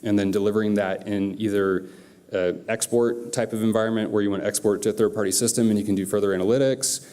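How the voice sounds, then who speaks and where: A man with a low voice gives a conference presentation in a big hall, and the room's long reverb trails after his words. His delivery is loose and conversational, full of fillers and restarts. The tone stays mellow and dark. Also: steady tone, quick pace, clean tone. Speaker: conference speaker.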